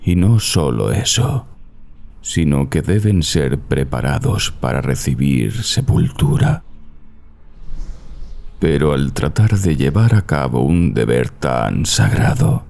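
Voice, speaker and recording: A man reading a classic horror story as narrator, in a measured, solemn literary manner. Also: a bass voice, very animated, creaky, a little mellow. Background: background music.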